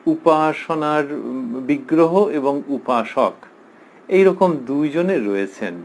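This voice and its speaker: Bengali man reading scripture and unpacking it slowly, voice a bit high, light background hiss. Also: a little mellow, low-quality recording. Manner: slow, measured, explanatory, reads and comments on passages. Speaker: lecturer on scripture. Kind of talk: reflective spiritual discourse.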